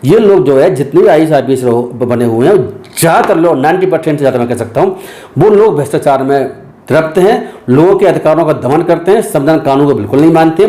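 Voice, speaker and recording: A man's voice: fairly high pitch, lively intonation, fast, dark tone, reverberant. A man, a former judge, speaking in a news interview in an indignant, emphatic way, full of rhetorical questions.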